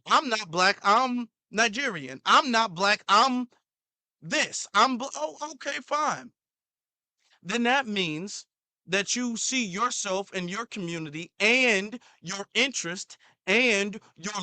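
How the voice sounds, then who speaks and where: A man's voice: sits high, pushed and bright, no echo. A man hosting a commentary channel, reacting to a clip in a heated, repetitive way, sometimes stumbling over his words.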